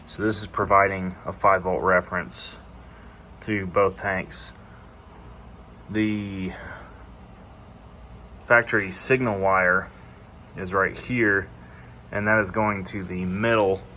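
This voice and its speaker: A man's voice: low-pitched, level tone, slow pace, pauses often, sharp tone, a little hiss or hum. A man giving a casual step-by-step how-to while working on his van. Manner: plain, practical, explaining step by step. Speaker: DIY van builder.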